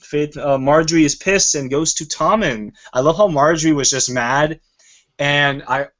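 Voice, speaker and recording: A man's voice: on the high side, normal speed, fairly bright tone. Rambling, swearing man on muffled audio. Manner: rambling and profane. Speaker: show host. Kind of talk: casual review chat. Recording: muffled lo-fi recording.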